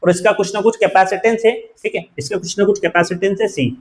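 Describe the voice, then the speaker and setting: Man, high voice, physics teacher, repetitive classroom lecture, checks understanding often. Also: steady tone, fast, low-quality recording. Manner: repeats questions, keeps asking "clear?" to students.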